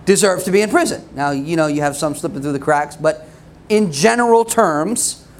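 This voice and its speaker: A man preaching a sermon in a conversational way, with quick asides and laughs. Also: sits high. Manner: conversational, laughing asides, acts out quoted voices.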